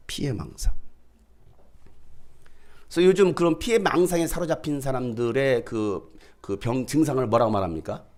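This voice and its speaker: A male pastor preaching a sermon, dramatically acting out people's complaints in raised voices. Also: on the high side. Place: church.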